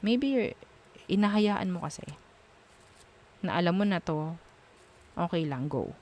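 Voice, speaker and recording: A woman's voice: on the low side, lively intonation, takes it slowly, darkish tone. A woman doing a casual tarot reading, frank and musing as she thinks aloud between the cards. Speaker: tarot reader.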